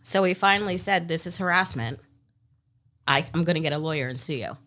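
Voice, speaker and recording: Blunt, low-voiced woman restaurant manager. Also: fairly quick, a bit bright. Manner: blunt and direct. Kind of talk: casual talk show chat.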